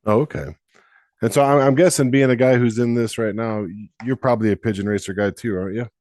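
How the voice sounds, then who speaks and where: A man's voice: mid-range voice, fairly even intonation, quick pace, darkish tone, dry recording, clean studio sound. A man hosting a podcast interview, chatty and often restarting his questions mid-sentence. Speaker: podcast host. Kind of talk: casual interview.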